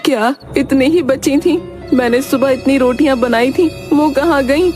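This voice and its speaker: A woman voicing a sharp-tongued, proud mother-in-law who taunts and mocks. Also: sits high, moderate pace, music in the background, close to an everyday voice. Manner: taunting, sarcastic.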